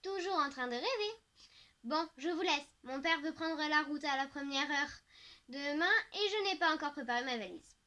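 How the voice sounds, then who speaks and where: Bubbly boy-crazy teen girl, voiced by a woman; high-pitched, eager, teasing. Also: moderate pace. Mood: chatty. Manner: excited, teasing. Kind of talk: audiobook character voice.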